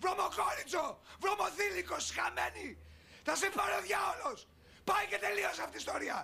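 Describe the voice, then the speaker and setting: An actor playing a middle-aged father, furious and domineering, shouting orders at his daughter in a film drama. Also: very high voice, creaky, full character voice. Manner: shouting, authoritarian.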